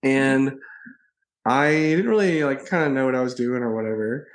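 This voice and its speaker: Over poor audio, a man from Alabama, USA, who is a social media personality talks as an interview guest in a relaxed chat. He has a mid-range voice and a moderate pace. He's bubbly and playful and laughs a lot.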